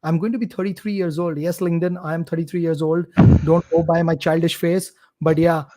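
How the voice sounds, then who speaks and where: Eager and chatty, an Indian course creator in his 30s promotes his work as a guest on a live show. His mellow, highish voice has little pitch movement and runs a little fast. It's a casual live-stream interview captured on a computer mic, and the recording quality is low.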